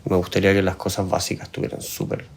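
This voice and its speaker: A man in an interview stating his hopes in a measured way. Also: deep voice, completely flat delivery, breathy edge. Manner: measured, hopeful.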